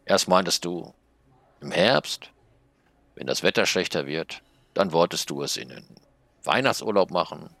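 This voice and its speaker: A man's voice: deep voice, expressive, a little slow, creaky, pauses often, fairly bright tone, no room sound, voice pushed up, exaggerated voice. A man voicing a small grey female magic snail in a read-aloud story, in a raised, scolding voice. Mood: nagging. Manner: scolding, insistent.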